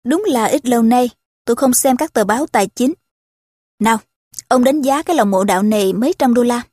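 A woman doing a mocking young gentleman. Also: on the high side, brisk, no echo, natural voice. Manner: dry, teasing irony.

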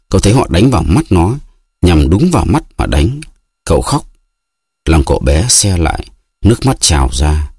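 A man with a very deep, husky voice reading a classic novel aloud in steady, expressive audiobook narration. The recording is dry and close with no room sound. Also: no echo.

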